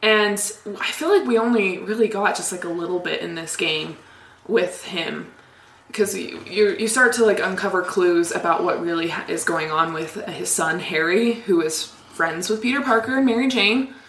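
A woman's voice: fairly low pitch, moderate pace, a bit bright, slight background noise. A woman co-hosting a casual podcast chat, talking loosely with many fillers and frequent laughs. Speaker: podcast co-host. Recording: echoey room with faint ambience.

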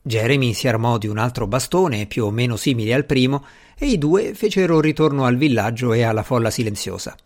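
A man reading a novel aloud as a scripted narration, expressive and voicing the dialogue. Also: mid-range voice, a little fast, hardly any pauses. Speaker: audiobook narrator.

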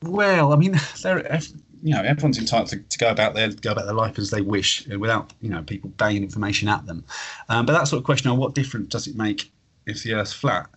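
Husky guy late 30s, kinda low voice, matey rambling chat. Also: fast, fairly bright tone. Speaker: interview guest, flat earth believer. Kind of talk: casual conversational explaining.

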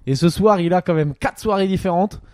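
A man's voice: high voice, a little fast, a little mellow, no echo, clean studio sound. A man co-hosting a podcast, telling stories and teasing his friends in casual banter. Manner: joking, teasing, storytelling. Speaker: podcast co-host.

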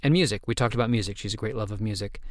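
Guy hosting a science podcast, lowish voice, loose chatty delivery, dry close sound. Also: very fast, no room sound. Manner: conversational, with restarts. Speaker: podcast host. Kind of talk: podcast interview.

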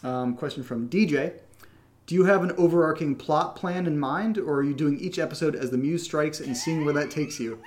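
A man who is an actor and podcast co-host works through listener questions in a casual Q&A, full of jokey, teasing banter. His voice is on the high side with a darkish tone at a moderate pace. He is recorded indoors in a home.

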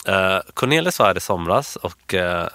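A man, a hairstylist guest, chatting in an interview and acting out lively anecdotes. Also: sits low, no echo. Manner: animated storyteller, acts out quotes. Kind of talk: casual interview chat.

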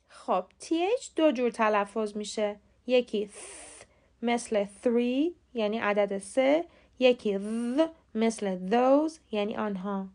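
A woman hosting a short podcast lesson, explaining pronunciation in clear, patient steps. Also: on the high side, darkish tone. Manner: clear, patient step-by-step instruction. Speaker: podcast host teaching English pronunciation. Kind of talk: scripted lesson narration.

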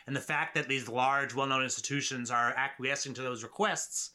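Man, podcast host, joking, laughing, very bright sharp tone. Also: medium pitch, fairly even intonation, moderate pace. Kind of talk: casual interview chat.

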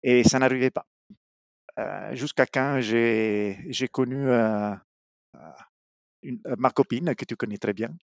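A man's voice: medium pitch, steady tone, unhurried, gravelly, pauses often, dry recording, muffled recording. A middle-aged man from Italy speaking French with an Italian accent, a podcast guest who hesitates with many fillers and restarts. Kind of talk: remote podcast interview.

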